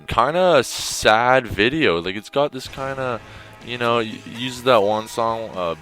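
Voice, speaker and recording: A man's voice: low-pitched, a bit bright. A man hosting a countdown, talking in a loose, rambling way full of "like" and "you know". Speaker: video host ranking montages. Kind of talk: casual countdown commentary.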